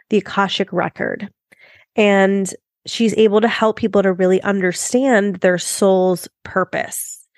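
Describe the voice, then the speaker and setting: A woman's voice: mid-range voice, no echo, studio quality. A woman podcast host with a nasal, congested tone from being under the weather, chatting informally and enthusiastically to her listeners. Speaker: podcast host, business coach.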